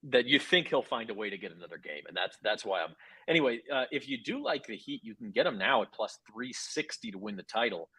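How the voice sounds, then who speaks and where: A man with a slightly husky, mid-range voice makes his case in a calm, measured way, laying out numbers step by step. He sounds like a casual co-host trading views in a conversation. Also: medium pitch. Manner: reasoned, measured pushback. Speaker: sports betting podcast co-host. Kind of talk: casual sports betting debate.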